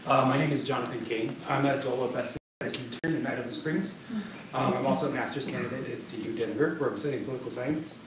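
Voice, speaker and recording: A young man introducing himself quickly and earnestly, at an ordinary middle pitch. He is caught from across a very echoey room. Steady background noise runs under him. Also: far from the mic. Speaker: graduate student intern. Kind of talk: self-introduction at a meeting.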